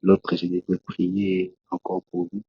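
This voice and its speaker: A Congolese preacher, a man, tells his testimony in an interview, slowly and haltingly, with many restarts. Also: low voice, monotone, slightly rough, no room sound. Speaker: preacher, guest. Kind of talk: testimony in a talk show interview. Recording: dull, lo-fi dry sound.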